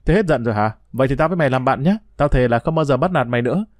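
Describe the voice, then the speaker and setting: A man's voice: medium pitch, animated, racing, dry recording, clean studio sound, natural voice. A man voicing a rude, swaggering schoolboy bully, talking bluntly and crudely in a storytelling reading. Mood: friendly.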